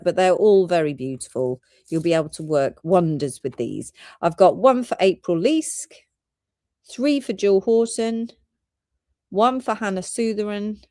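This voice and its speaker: A woman's voice: medium pitch, darkish tone, no room sound, studio quality. Chatty British woman selling pearls live. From Britain. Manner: chatty, giggly, rambling product talk. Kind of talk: live shopping stream.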